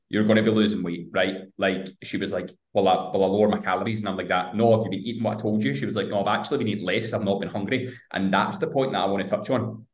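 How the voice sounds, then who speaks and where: A man's voice: on the low side, roomy sound. A man hosting a podcast as a coach, talking directly and bluntly and swearing freely. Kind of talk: podcast conversation.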